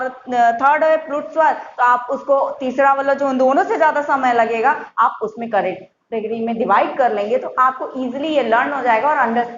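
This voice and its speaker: A woman with a fairly high voice teaches a grammar lesson to young children. She is patient, repeats each point and sounds out every example slowly. The recording is muffled and echoey, with a faint hiss underneath. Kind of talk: Hindi grammar lesson for schoolchildren.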